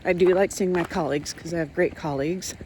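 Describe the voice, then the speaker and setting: A woman with a somewhat low voice hosts her podcast in a casual, chatty way, pausing often with ums. She records on a phone, and a faint hiss of background noise sits under her voice. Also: steady tone, mellow. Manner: chatty and unhurried, with frequent ums. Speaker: podcast host. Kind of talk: casual chat.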